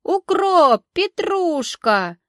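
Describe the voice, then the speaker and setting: A woman voicing a brash female market vendor who hollers her sales cries in a piercing, high voice, in an audiobook. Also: big pitch swings, very slow, dry recording, clean studio sound, exaggerated voice. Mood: hawking loudly. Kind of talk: audiobook character voice.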